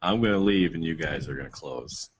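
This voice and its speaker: A man's voice: rumbling low, expressive, fairly quick, husky. A man co-hosting a webinar in casual chat, laid-back and good-natured. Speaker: webinar co-host.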